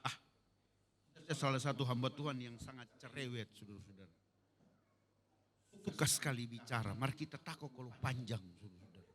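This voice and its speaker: A middle-aged man with a Manado accent preaching a sermon as pastor, animated, with humorous asides and bursts of shouting. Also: mid-range voice, a little fast, long pauses.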